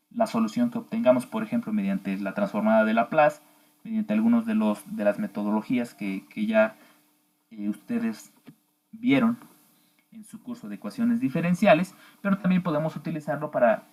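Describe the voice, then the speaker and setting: A middle-aged man recording a course lecture as an engineering instructor, explaining at an unhurried pace with many filler pauses and restarts. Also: mid-range voice, a little mellow.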